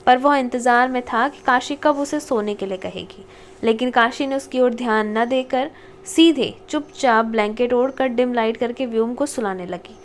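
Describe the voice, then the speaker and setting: Female audiobook narrator for a romance story, steady storytelling, somewhat high voice. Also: moderate pace, a little hiss or hum. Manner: steady storytelling, reads dialogue tags.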